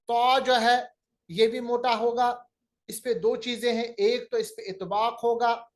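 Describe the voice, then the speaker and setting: A man teaching Quranic recitation in a recorded lecture, explaining each sound step by step and demonstrating it slowly. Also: high voice.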